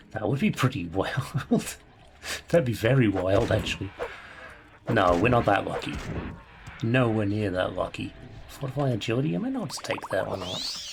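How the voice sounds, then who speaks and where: A man's voice: on the low side, creaky, noisy background. A man hosting a let's play, casually reading off items, swearing and chuckling as he plays. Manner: mutters item names, swears, chuckles often. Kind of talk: casual gameplay commentary.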